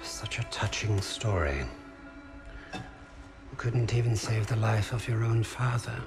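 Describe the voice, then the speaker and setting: An actor in his thirties playing a coldly polite, menacing Nazi interrogator in a video game, speaking softly and deliberately. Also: lowish voice. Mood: quiet menace. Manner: soft-spoken, deliberate, menacing. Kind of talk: dramatic video game acting. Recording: loud music behind the voice.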